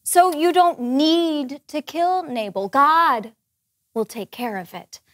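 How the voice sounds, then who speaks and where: Woman acting a brisk resourceful wife, high-pitched, bossy, diplomatic, comic children's Bible sketch. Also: a bit bright. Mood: persuasive. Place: studio with green-screen backdrop.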